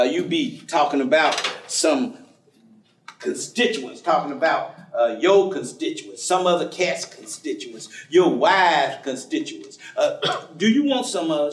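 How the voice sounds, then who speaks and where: In a staged play reading for an audience, a man voices a folksy, streetwise ex-convict host with a high pitch, sounding curious and easygoing. His colloquial delivery is drawling, chuckling, and coaxing, persistent and teasing, and the echoey stage room is recorded from a distant microphone.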